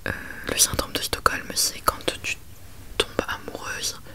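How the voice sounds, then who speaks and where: A woman presents books in a hushed ASMR library whisper, chatty and rambling with self-mocking asides. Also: a little slow. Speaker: ASMR video creator.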